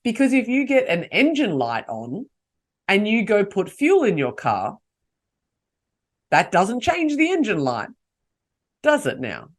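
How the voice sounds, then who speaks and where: A woman's voice: medium pitch, wildly swooping pitch, a little slow, long pauses. A woman hosting a solo podcast, coaching her listeners and asking them rhetorical questions. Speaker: podcast host.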